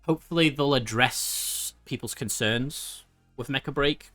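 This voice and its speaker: A man's voice: medium pitch, a little slow, fairly bright tone, soft background music. A man chatting casually on a live stream, rambling and laughing often.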